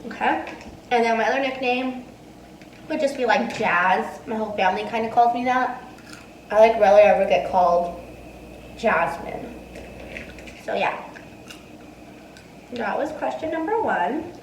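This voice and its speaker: A woman in her twenties, a mukbang vlogger, answers viewer questions between bites in a casual, chatty Q&A, speaking into an earphone mic with her phone in hand in an indoor dining room. Her slightly high voice has lively intonation, runs a little slow with long pauses, and sounds echoey and distant, with slight background noise and low recording quality.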